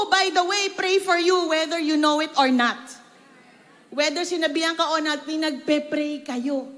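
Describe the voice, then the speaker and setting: A woman pastor delivers an emphatic sermon in mixed English and Filipino, throwing rhetorical questions at her listeners. Her voice sits high. The sound carries a long reverb from a large church hall. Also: a bit bright. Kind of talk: Taglish sermon.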